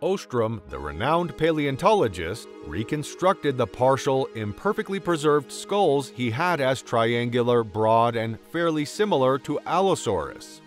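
Nature documentary narrator, male, mid-pitched and lively, dramatic storyteller, light music underneath. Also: measured pace, few pauses. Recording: music behind the voice. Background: background music.

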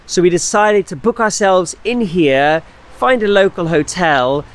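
A man's voice: sits high, expressive, a little slow. Upbeat man vlogging on the road. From Britain. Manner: chatty, upbeat, addresses viewers as guys. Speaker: motorbike travel vlogger. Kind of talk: casual vlog narration to camera. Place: outdoors and in a cafe, on the road in rainy weather.

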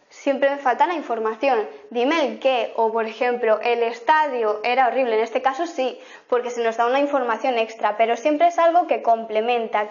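A woman teacher explaining grammar in a lesson, repeating example sentences slowly to make each point. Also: fairly high pitch, muffled recording. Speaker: language teacher.

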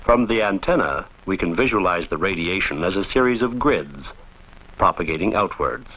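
A man whose voice sits low reads a training film's scripted narration in a formal, measured, teaching manner, though animated. The lo-fi sound is that of an old film soundtrack.

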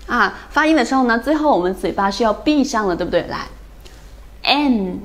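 A woman teaching an English phonics lesson, drilling each sound slowly and often checking with her students. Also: fairly high pitch, expressive, a bit bright.

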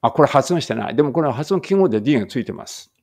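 Gravelly-voiced man reading English slowly. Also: medium pitch, expressive, darkish tone, no echo, studio quality. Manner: reads Japanese then slow careful English, pausing to check pronunciation. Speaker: English teacher. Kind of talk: read-aloud English lesson.

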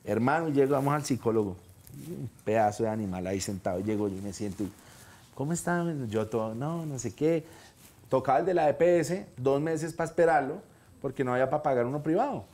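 A Colombian man in his thirties tells a personal story as a talk-show guest. He is animated and earnest, and he switches voices to act out the people he quotes. His voice sits at a middling pitch. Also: fast talker. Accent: Colombian Spanish.

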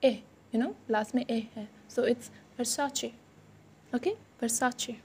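Young woman, fairly high voice, very slow and deliberate; casual host of a pronunciation lesson. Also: fairly even intonation, darkish tone, slight background noise. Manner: repeats words slowly and corrects the listener. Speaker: host teaching brand pronunciations. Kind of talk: casual lesson in mixed Hindi and English.

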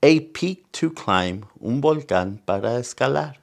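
A Salvadoran man in his forties, from San Salvador, reads a picture book to children and explains things as storytime host in an indoor room with a wooden backdrop. He speaks a little slowly in a mid-range, creaky voice with lively intonation.

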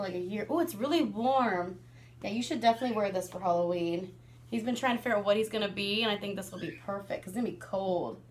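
A woman and mother vlogging a casual product review, chatty and excitable, laughing often. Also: mid-range voice, a little hiss or hum.

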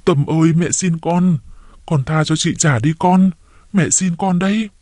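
A man's voice: fairly high pitch, lively intonation, fairly quick, warm tone, no room sound, studio quality, voice pushed up. A man reading a story aloud, voicing a frightened elderly mother who begs through tears. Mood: begging. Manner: tearful, begging.

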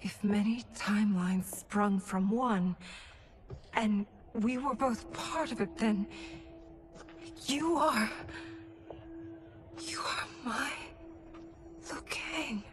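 An actress playing a regal, heartfelt warrior empress in a video game, earnest and softly dramatic. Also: female voice, fairly high pitch, drawn-out words, pauses often, slight background noise. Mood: stunned. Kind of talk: video game cutscene acting.

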